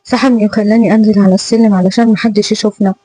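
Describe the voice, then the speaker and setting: A woman's voice: medium pitch, little pitch movement, very fast, mellow, rough recording. A woman with an Egyptian accent narrating a painful first-person story in an emotional way. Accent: Egyptian Arabic. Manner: emotional, pained retelling.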